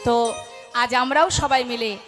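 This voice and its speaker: Woman preacher, high voice, question-and-answer sermon, devotional music behind. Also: unhurried, fairly bright tone. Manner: asks the audience questions and answers them herself. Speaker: kirtan singer and preacher. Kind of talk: devotional sermon between chants. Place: evening devotional gathering before an audience. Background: devotional music accompaniment.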